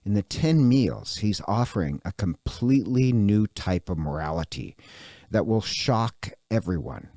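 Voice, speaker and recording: A male priest giving a conversational class introduction, animated and informal with small restarts and fillers. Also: lowish voice, unhurried, no room sound, studio quality. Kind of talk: recorded parish class introduction.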